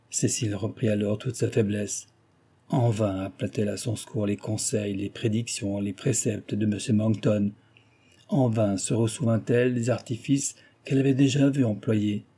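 A male audiobook narrator reading a classic novel in a steady, even way. His voice is very dark and mellow, with a husky grain. The pitch sits in an ordinary middle range. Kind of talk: scripted literary narration.

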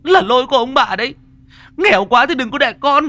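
A man's voice: very high voice, lively intonation, fairly quick, pushed and bright, no echo, voice pushed up, heavily acted. A man voicing a bitter young village woman who shrieks defiantly at her parents in a ghost story.

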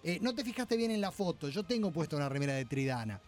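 A man with a Rioplatense Spanish accent hosts a loose, chatty radio talk show. His voice sits notably high for a man. Faint music plays behind him. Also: fast talker. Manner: relaxed, chatty, reads listener comments aloud. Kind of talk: casual radio chat.

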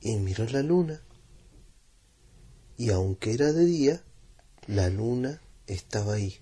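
A man's voice: mid-range voice, expressive, unhurried, mellow, husky. A man narrating a children's story in a playful, repetitive rhythm.

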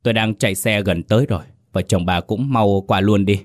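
A man's voice: on the low side, fairly quick, no echo, clean studio sound, lightly acted. A man voicing a grave male exorcist who speaks urgently and seriously.

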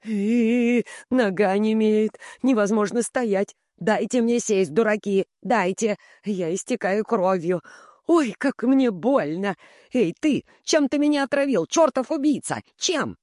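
A man voicing a bossy old village patriarch who bellows, curses and cracks into falsetto. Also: slow, darkish tone, no room sound, studio quality. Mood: angry. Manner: bellowing, cursing, breaking into falsetto.

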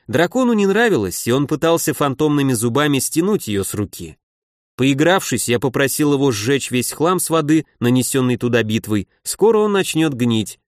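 A man's voice: medium pitch, dry recording, clean studio sound. A man giving a wry, conversational first-person audiobook narration.

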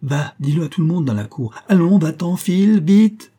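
A man's voice: medium pitch, expressive, normal speed, warm tone, husky. A man voicing a flustered, sleepy country landowner in a storybook reading, blustering in panicky outbursts. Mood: bossy.

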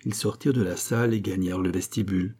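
A man narrating a classic novel as an audiobook in a calm, measured reading. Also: sits low. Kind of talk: scripted narration.

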